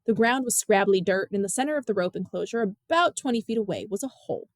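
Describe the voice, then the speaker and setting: A woman reading a novel aloud in measured, expressive storytelling narration. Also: mid-range voice, no room sound, studio quality. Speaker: audiobook narrator. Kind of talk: scripted narration.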